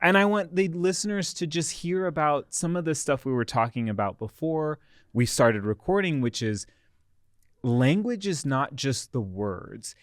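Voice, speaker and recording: A man's voice: fairly high pitch, expressive, normal speed, no echo, studio quality. A man hosting an interview podcast, chatting in a friendly, encouraging way and laughing often. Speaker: podcast host. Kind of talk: casual interview talk.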